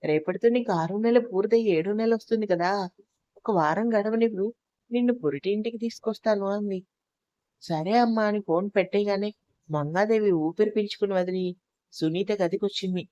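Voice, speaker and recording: A woman's voice: medium pitch, a little fast, dark tone, no echo, muffled recording. A woman narrating a family drama story, voicing the quarrelling relatives herself. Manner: acts out quarrelling family members in her own voice.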